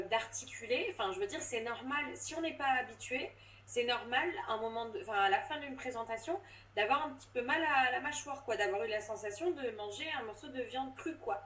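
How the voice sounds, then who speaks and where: A woman's voice: fairly high pitch, a bit bright. A woman in her thirties, a voice coach, explaining with lots of fillers and restarts in a casual interview. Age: 30s. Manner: hesitant, many fillers and restarts. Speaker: voice coach and drama teacher. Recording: roomy sound, distant from mic.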